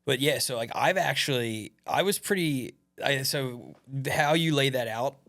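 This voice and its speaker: A man's voice: mid-range voice, measured pace, fairly bright tone, no echo, studio quality. A man in his thirties chatting casually as a podcast host, laid-back and rambling, with many fillers and restarts. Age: 30s. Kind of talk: casual chat.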